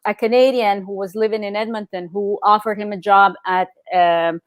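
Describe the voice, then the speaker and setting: A woman's voice: medium pitch, fairly even intonation, normal speed, no room sound. A middle-aged woman from El Salvador, a guest speaking casually in an interview, with many fillers and restarts.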